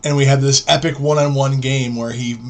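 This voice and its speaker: A man in his forties tells a story on a podcast in a relaxed, chatty way. He acts out each quoted line with bursts of energy. His voice sits at an ordinary middle pitch. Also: a little fast. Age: 40s. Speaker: podcast co-host. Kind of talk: casual storytelling chat.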